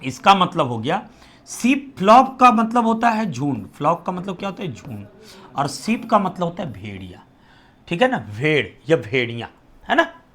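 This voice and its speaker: This exam-prep teacher is a man with a Bihari Hindi accent whose slightly high, sing-song voice is fairly bright and moves at a moderate pace. He quizzes the class, repeats answers back questioningly, and sinks close to a whisper on each answer.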